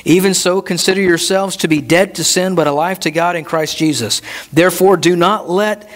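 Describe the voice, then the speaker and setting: A man preaching in an earnest, emphatic way, his voice sitting a little higher than most men's. He draws out the words he wants to land. His voice carries a long reverb from a church hall. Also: a bit bright. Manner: earnest preaching, slowing down to stress key words. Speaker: pastor. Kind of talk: sermon.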